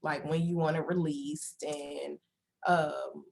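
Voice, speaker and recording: A woman's voice: low-pitched, little pitch movement, takes it slowly, gravelly, darkish tone. A woman, a book publisher and editor giving a casual presentation on a video call, chatty and talking straight to her viewers. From Houston, Texas. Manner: chatty, many "like" fillers, talks straight to viewers. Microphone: video call microphone.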